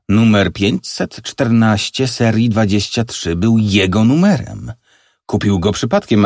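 A man narrating an audiobook in a measured, expressive reading. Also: low voice, dry recording, clean studio sound. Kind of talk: scripted narration.

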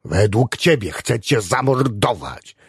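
A man voicing an agitated, shrill young male officer who shouts his words out slowly and excitedly. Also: husky, no echo, studio quality, full character voice.

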